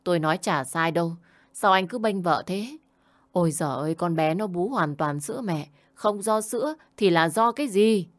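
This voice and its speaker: A woman's voice: on the low side, lively intonation, normal speed, natural voice. A woman doing a bossy old mother-in-law. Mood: scolding. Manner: scolding, insistent.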